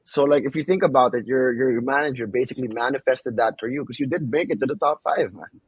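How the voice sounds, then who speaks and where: A laid-back male podcast host with a husky voice keeps tossing in "bro" and "man". His recording sounds dull and lo-fi, and completely dry. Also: medium pitch, quick pace, dry recording. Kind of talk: casual interview chat.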